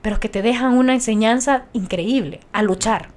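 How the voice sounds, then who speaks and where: A young radio announcer from Honduras, with a Honduran Spanish accent, chats passionately as a guest on a podcast in a casual interview. Her slightly high voice moves at a moderate pace, animated and full of restarts.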